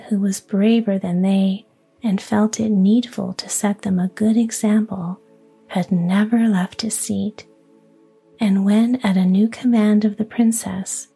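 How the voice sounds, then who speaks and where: A woman whispering a fairy tale in a slow, hushed, even storytelling manner, ASMR style. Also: mid-range voice, soft background music. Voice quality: breathy whisper.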